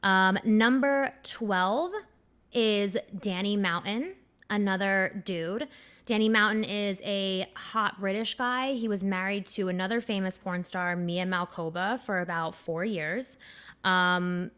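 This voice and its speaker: A woman's voice: mid-range voice, steady tone, unhurried, a bit bright, smooth. A young woman hosting a podcast, chatting in a candid, crude and rambling way with lots of fillers. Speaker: podcast host. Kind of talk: casual chat.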